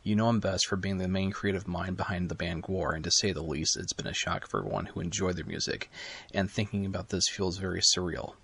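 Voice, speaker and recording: A man's voice: low voice, fairly even intonation, a little fast, vocal fry, a bit bright, husky. A young man, a music writer, narrating an earnest spoken tribute with small slips.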